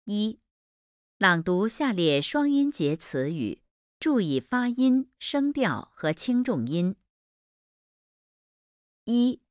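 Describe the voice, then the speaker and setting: A woman slowly reading aloud Mandarin pronunciation drills from a textbook, enunciating every word with care. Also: high-pitched, no echo, studio quality. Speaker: language lesson reader. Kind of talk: slow, careful textbook reading.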